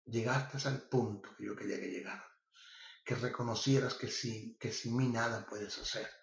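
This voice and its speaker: God, hushed and stern, as a preacher puts him on. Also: male voice, mid-range voice, fairly even intonation, normal speed, vocal fry, voice pushed down, close to an everyday voice. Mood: solemn. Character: God, a stern yet patient male deity. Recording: roomy, slightly dull recording.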